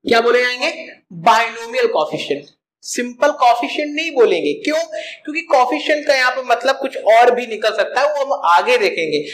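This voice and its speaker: A man's voice: very high-pitched, expressive, a little fast, a bit bright, roomy sound, a little hiss or hum, poor audio. A man teaching a math lesson, explaining step by step and asking and answering his own questions.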